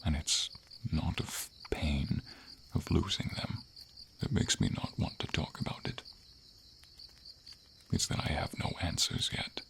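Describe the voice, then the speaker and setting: A man heavily acts the part of a wise, gentle dragon in scripted ASMR fantasy roleplay, his mood wistful and pained. He uses a very deep, gravelly voice and formal, slow, measured phrasing with thoughtful pauses. Light rain and night insects keep up a steady hiss behind him.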